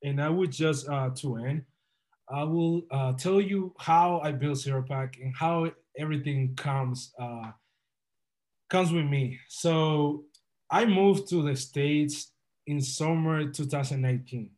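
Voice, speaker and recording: A man's voice: a little high, takes it slowly, a little mellow. Upbeat young man. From Dominican Republic. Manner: earnest, upbeat, motivational storytelling. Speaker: guest entrepreneur. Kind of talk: casual podcast interview.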